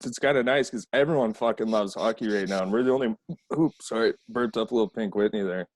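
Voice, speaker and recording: A man's voice: fairly low pitch, quick pace, dry recording. A man from Alberta, Canada, a guest hockey player, telling rambling stories in casual podcast chat and swearing constantly.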